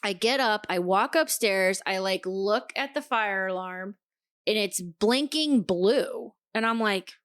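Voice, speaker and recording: A woman co-hosting a podcast, telling a story in casual chat, animated and swearing freely as she acts out what people said. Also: medium pitch, takes it slowly, clear, resonant tone, no room sound, clean studio sound. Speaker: podcast co-host.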